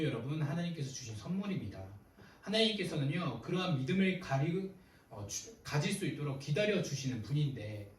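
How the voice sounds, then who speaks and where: A young man preaching a sermon to teenagers in a relaxed, conversational way, retelling his own arguments with quoted dialogue. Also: fairly high pitch, reverberant, distant mic, a little hiss or hum, poor audio. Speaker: youth ministry pastor. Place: church sanctuary.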